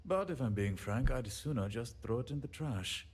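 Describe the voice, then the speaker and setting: A man's voice: medium pitch, lively intonation, a little mellow, slightly rough. An actor playing a fretful, apologetic male handyman who rambles and talks himself down, in video game dialogue. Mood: bitter. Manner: rambling, self-deprecating, quick to apologize.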